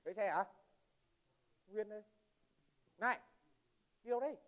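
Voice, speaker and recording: A man's voice: high voice, normal speed, fairly bright tone. A man playing a thrifty middle-aged migrant worker riding home as a passenger, rambling and stammering in a stage comedy sketch.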